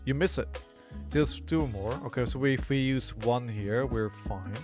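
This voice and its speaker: A hoarse man on a headset mic, casually commenting on a live card game while he plays, halting and repeating words as he thinks aloud. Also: medium pitch, music in the background. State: hoarse, coughing.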